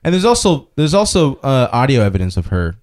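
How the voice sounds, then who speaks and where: A man hosting a casual podcast chat, laughing often and swinging from loud outbursts to low mumbles. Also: very animated, a little fast. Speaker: podcast host.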